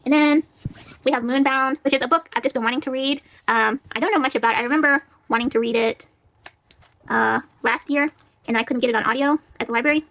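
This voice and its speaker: A woman's voice: high-pitched, fast, gravelly, a bit bright, slight background noise. A woman chatting casually about books she borrowed from the library, laughing often and reading back-cover blurbs aloud. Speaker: book vlogger. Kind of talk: casual library haul chat.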